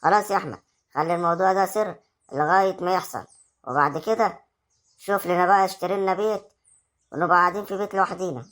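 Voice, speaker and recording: A woman's voice: fairly low pitch, fast, long pauses, a bit bright, lightly acted. A woman with an Egyptian accent acting a young village wife who coaxes her husband in an amateur family drama. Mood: coaxing. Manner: coaxing, persuasive.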